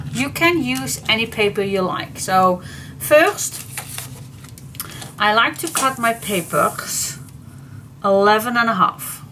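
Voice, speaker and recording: A woman's voice: medium pitch, bright, forceful tone, slight background noise. A Dutch woman teaching a crafting tutorial in a chatty, giggly way, often correcting herself. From Netherlands.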